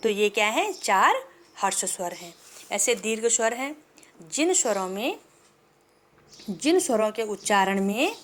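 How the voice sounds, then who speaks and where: A woman teacher giving a grammar lesson to schoolchildren. She explains patiently and poses questions that she answers herself. She stretches out vowel sounds slowly as examples. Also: mid-range voice, a bit bright. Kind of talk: classroom lesson to children.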